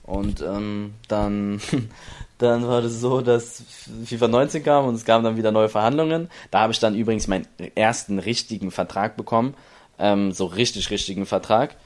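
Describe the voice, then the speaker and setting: Recounting how his esports career started, a young man from Berlin speaks in a lowish, steady voice. It's a loose, casual interview; he wanders, keeps restarting sentences, and drops into quick impressions of people he met.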